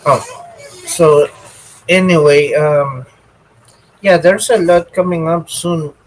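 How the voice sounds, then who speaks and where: A man co-hosting a casual podcast, talking slowly with many pauses and ums, repeating his points in Spanish. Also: fairly high pitch, steady tone, a little hiss or hum, low-quality recording. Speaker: podcast co-host. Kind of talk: casual bilingual podcast chat.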